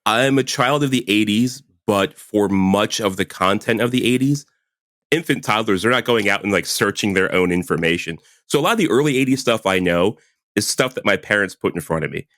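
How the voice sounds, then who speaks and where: Here a fortyish podcast co-host keeps things casual, laughing a lot and filling his speech with "like." He speaks fairly quickly in a lowish, slightly bright voice with lively intonation, and the studio-quality recording has no echo.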